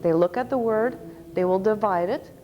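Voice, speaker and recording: A woman's voice: medium pitch, normal speed, muffled recording, a little hiss or hum. A woman presenting a conference workshop on teaching reading, explaining step by step and spelling out letters. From Canada. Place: conference session room. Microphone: microphone.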